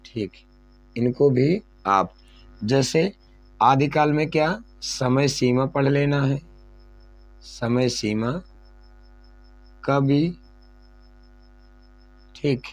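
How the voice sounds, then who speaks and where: A man's voice: medium pitch, very slow, pauses often. A male teacher going over an exam syllabus, repeating key points and asking questions he then answers himself. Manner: repetitive, asks and answers own questions.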